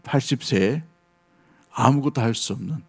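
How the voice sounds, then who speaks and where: A man's voice: mid-range voice, normal speed, creaky, slightly rough. A middle-aged male pastor preaching a sermon, speaking earnestly and conversationally and often asking the congregation questions.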